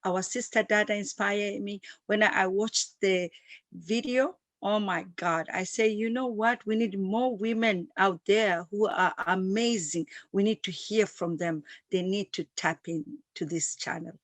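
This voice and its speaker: A woman's voice: mid-range voice, a little slow, no echo. A woman in her fifties who grew up in East Africa speaks as an interview guest with passion, driving each point home by repeating it. Her voice sits in a middle register. The recording is dry and close, with no room sound. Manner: emphatic and repetitive, speaks with passion. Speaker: guest entrepreneur. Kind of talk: interview, enthusiastic storytelling.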